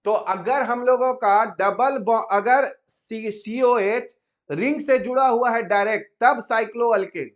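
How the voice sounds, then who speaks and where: A man teaching chemistry step by step, often stopping to check that students follow. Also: very high-pitched. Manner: asks students frequent check questions; slows down to spell out names.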